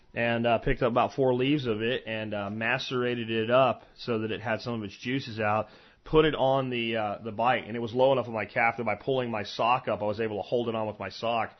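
On his solo podcast about medicinal plants, an American man from Florida and Pennsylvania in the eastern United States explains things conversationally and informally. His voice is mid-pitched, and he wanders easily into personal asides. The lo-fi recording is dull and a bit muffled.

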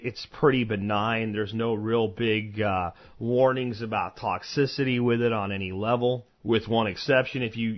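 The audio is dull, lo-fi and slightly muffled. It features a mid-pitched American podcast host, from the eastern U.S. states of Florida and Pennsylvania, casually discussing medicinal plants on his own, rambling comfortably and slipping personal asides into his explanations.

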